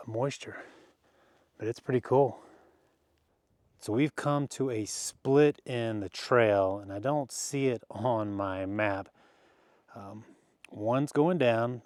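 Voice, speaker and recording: A man's voice: lowish voice, slow pace, no room sound, clean studio sound. Chatty man narrating a hike. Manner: relaxed, chatty, frequent fillers and small laughs. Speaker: hiking vlogger. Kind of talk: casual narration while hiking. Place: outdoors on a desert canyon trail.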